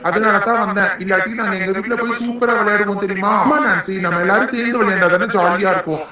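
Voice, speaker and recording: A man's voice: sits high, fairly even intonation, quick pace, heavy reverb, distant mic, a crowd in the background, natural voice. A man voicing cheeky, boastful young boys in a cartoon, talking in a bold, teasing and argumentative way. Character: cheeky young boy playmates, boastful and quarrelsome. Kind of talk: cartoon dubbing.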